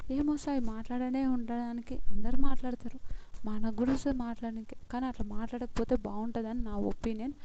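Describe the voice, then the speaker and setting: A woman reviewing a reality show in a casual, chatty way, acting out quoted lines with rising emphasis. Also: a little high. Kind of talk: casual recap commentary. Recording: dull lo-fi audio with clear noise.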